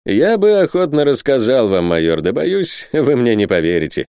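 A man voicing an excitable male French army captain in a storybook reading, exclaiming with animated delivery. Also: mid-range voice, normal speed, clear, resonant tone, dry recording, clean studio sound, pitched above the performer's own voice. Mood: rueful.

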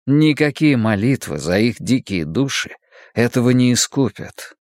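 A man's voice: mid-range voice, expressive, measured pace, a little mellow, no echo, clean studio sound, lightly acted. Man doing a growling proud young soldier. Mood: dazed, grim. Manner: growling, indignant, raised voice. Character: proud angry young male soldier prisoner.

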